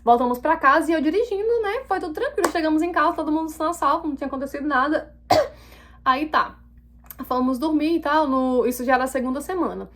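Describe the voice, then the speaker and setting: A young woman tells a personal story to her viewers, relaxed and chatty. Her voice sits high, and she livens the tale by acting out the quoted exchanges. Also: fairly quick. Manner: animated, acts out quoted dialogue. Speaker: vlogger. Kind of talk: casual storytelling.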